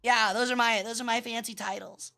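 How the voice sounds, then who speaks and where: A woman with a very high, bright voice chats on a game livestream. She has a cute anime streamer persona and talks playfully to her audience. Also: steady tone, fairly quick, gravelly.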